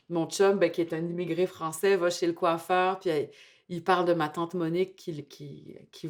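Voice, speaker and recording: Woman in her fifties, Montreal accent. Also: on the low side. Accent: Montreal Quebec French. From Quebec. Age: 50s. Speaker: interviewee. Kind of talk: reflective documentary interview.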